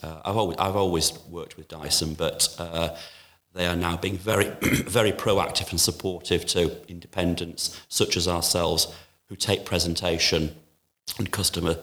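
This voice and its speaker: Deep, flat-voiced shop owner. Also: male voice. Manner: measured, with frequent "uh" pauses and restarts. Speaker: kitchen appliance shop owner. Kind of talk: business interview.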